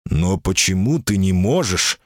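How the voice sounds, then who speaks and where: A man's voice: low-pitched, lively intonation, measured pace, dry recording, clean studio sound. A man voicing a proud, impatient male jinni in human form, curt in his speech, in an audiobook reading.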